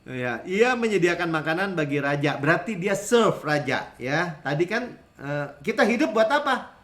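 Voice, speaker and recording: A man preaching a sermon as pastor, in a lively conversational way, acting out other people's voices. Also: fairly high pitch, moderate pace.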